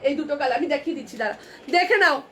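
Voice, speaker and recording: Kolkata Bengali shop seller, woman, live-stream pitch, very high and sharp, phone-mic sound. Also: expressive, rapid-fire. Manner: chatty, addresses viewers directly, counts off sizes. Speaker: online clothing seller. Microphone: phone camera.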